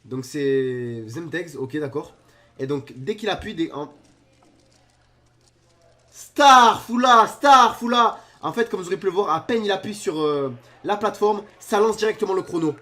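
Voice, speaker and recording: A young man giving excited reaction commentary on videos, joking and exclaiming in disbelief. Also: a little high, moderate pace.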